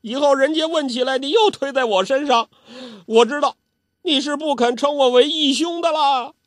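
A man's voice: very high-pitched, moderate pace, no room sound, clean studio sound, pitched above the performer's own voice. A man voicing a playful, childish old male martial artist, who whines and teases in a petulant way. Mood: sulky whining. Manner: whiny, petulant, teasing.

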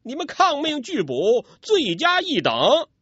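A man voicing a blustering military officer who barks orders in a pompous, shouting manner. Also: extremely high pitch, huge pitch swings, unhurried, dry recording, muffled recording, voice pushed up, heavily acted.

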